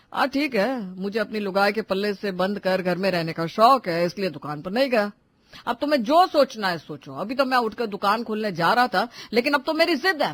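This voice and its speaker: A voice actor playing a sulky, quick-tempered young husband who complains sarcastically. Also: medium pitch, fairly bright tone, natural voice. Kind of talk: Hindi cartoon voice acting.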